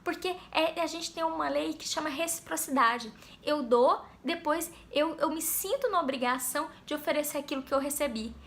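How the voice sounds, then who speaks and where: A woman's voice: high-pitched, moderate pace, vocal fry, a bit bright. A Brazilian woman coaching on a live stream, patiently explaining communication steps and acting out sample dialogues. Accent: Brazilian Portuguese. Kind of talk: live-stream talk answering chat.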